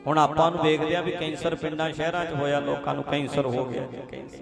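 Male preacher, storytelling sermon, emphatic, repeats phrases, fairly high voice, music behind. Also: flat delivery, fast talker, gravelly.

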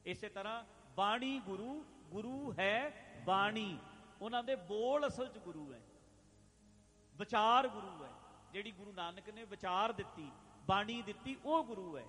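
A man preaching a religious sermon, addressing listeners directly, repeating phrases and chanting scripture lines slowly. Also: high-pitched, expressive, pushed and bright. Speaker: Sikh preacher.

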